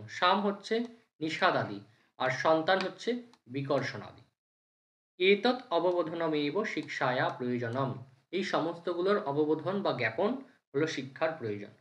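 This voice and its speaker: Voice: medium pitch, fairly bright tone, lo-fi sound. A teacher leads an exam-prep lecture. The delivery is a rhythmic recitation of terms, with short rhetorical questions answered straight away. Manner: rhythmic listing, asks and answers own questions.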